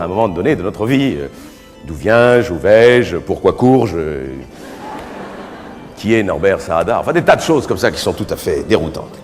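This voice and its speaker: A male stand-up comedian telling a theatrical story on stage, lively and now and then shouting for effect. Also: fairly low pitch. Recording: live theater hall with reverb and music.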